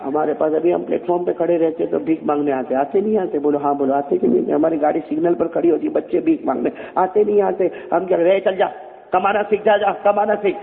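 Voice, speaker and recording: A man's voice: on the high side, steady tone, fast, vocal fry, few pauses. A man giving a sermon, telling stories dramatically and rousing the congregation with call-and-response. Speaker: preacher. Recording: phone-like echoey hall recording.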